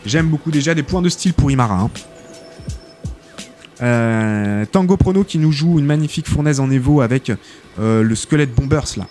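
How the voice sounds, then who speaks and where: A man casting a live esports tournament as host, excitable and chatty, full of filler interjections. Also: mid-range voice, normal speed. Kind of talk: live game commentary. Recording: game music behind the voice. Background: game music.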